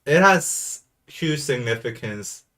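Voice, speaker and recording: A man with an ordinary mid-range voice co-hosts a laid-back news talk show. He chimes in with quick agreements and playful asides. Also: mid-range voice, animated, fairly bright tone. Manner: short agreeing interjections, playful. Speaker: co-host. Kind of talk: casual chat on entertainment news.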